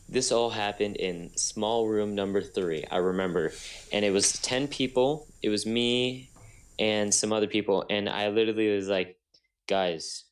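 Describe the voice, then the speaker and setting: A young man co-hosts a casual podcast, telling a story with a somewhat low voice. He rambles, restarts his sentences often and keeps circling back to what he meant to say. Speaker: podcast co-host. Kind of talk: casual chat.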